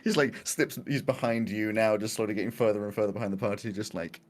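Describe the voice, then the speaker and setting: A man narrating a tabletop game as game master, improvising in a jokey, animated way among friends. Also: fairly low pitch, fast talker.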